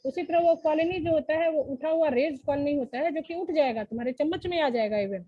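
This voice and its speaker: A woman's voice: sits high, brisk, dry recording, muffled recording. A woman teacher giving a lesson in an online class, explaining step by step and often asking the students whether they follow. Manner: explains step by step, asks checking questions.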